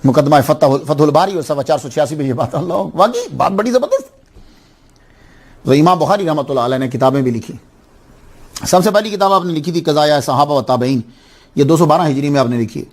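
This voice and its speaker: A man giving an animated Islamic sermon, telling a story and repeating phrases with exclamations. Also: on the high side. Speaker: religious preacher.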